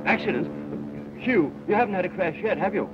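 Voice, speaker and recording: An actor playing a bumbling, flustered upper-class sidekick in a 1930s film, chatty and exclaiming by Jove. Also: male voice, sits high, animated, fairly quick, loud music behind the voice. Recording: dull old film soundtrack with hiss.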